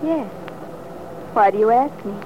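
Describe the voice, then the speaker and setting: In an old-time radio drama, an actress plays an earnest, devoted and wistful young woman, speaking hesitantly yet with resolve. Her voice is a little high with lively intonation and a slightly slow pace, heard through a muffled, noisy vintage recording.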